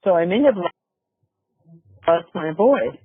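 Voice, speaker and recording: A man lecturing as a visiting professor over a video conference call, speaking slowly with many fillers and restarts. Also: high voice, big pitch swings, slightly rough, dry recording. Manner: slow, halting, with many fillers. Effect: conference call audio. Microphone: computer mic on a video call. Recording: phone-like narrow call audio, dry.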